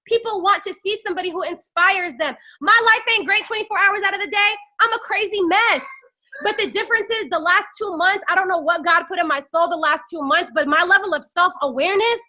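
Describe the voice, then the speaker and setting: A network marketing team leader in her twenties gives a fiery, preachy motivational pep talk into a phone. Her voice is very high and bright, and she keeps rallying her listeners with call-and-response.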